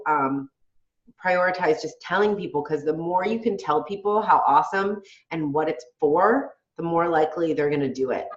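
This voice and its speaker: Her low-pitched voice comes through reverberant and lo-fi as she leads a group call while congested with a head cold. She coaches the team chattily, laughs between points, and keeps checking in with "right?"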